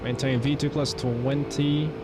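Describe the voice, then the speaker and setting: A man's voice: mid-range voice, flat delivery, measured pace, over loud music. A man giving casual step-by-step cockpit commentary and radio calls as a flight simulator pilot. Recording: loud vehicle-like engine noise.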